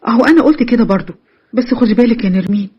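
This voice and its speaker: In an Egyptian Arabic accent, a woman plays a witty, protective young best friend who teases and bosses people around. Her voice sits on the high side and is husky, with the highs cut off. The mood is teasing, and her manner is brisk and commanding.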